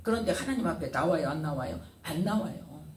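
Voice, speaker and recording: A woman's voice: sits low, animated, fairly quick. Woman pastor preaching in a roomy hall. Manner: fires rhetorical questions at the congregation, dramatic swings in loudness. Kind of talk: sermon. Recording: roomy sound from a distant mic.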